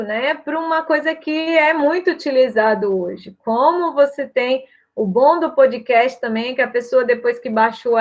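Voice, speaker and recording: A woman's voice: high-pitched, a bit bright. A woman lecturer with a Brazilian Portuguese accent, explaining course assignments in a chatty way and checking in with "tá?" and "né?". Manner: chatty, repeats "tá?" and "né?" often. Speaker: university lecturer. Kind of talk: recorded course guidance.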